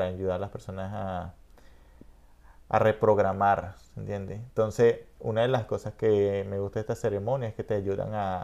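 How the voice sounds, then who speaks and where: Venezuelan male podcast host, middle-aged; low, gravelly, reflective talker. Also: dark tone. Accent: Venezuelan Spanish. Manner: reflective, rambling, frequent "¿entiendes?". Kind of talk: casual conversation.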